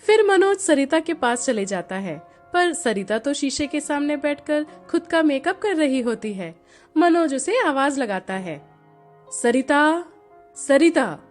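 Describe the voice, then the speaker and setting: A woman telling a moral story in an expressive, animated storybook narration. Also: high-pitched, a little slow, faint music behind.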